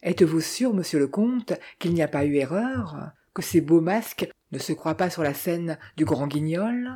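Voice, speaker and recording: A reader voicing a cultivated gentleman thief who talks with cool, scornful irony. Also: medium pitch, lively intonation, moderate pace, husky. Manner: sardonic, coolly ironic.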